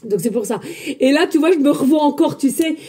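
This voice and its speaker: A woman medium giving a spiritual guidance reading, talking loudly and emphatically and chatting with her viewers as friends. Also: high-pitched, brisk. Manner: loud, emphatic, energetic talk. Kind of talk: casual spoken guidance to viewers.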